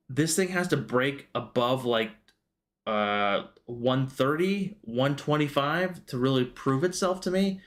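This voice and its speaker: Walking viewers through charts on his stock market livestream, this man offers loose, rambling market commentary full of fillers and restarts. His voice is mid-range with a fairly bright tone.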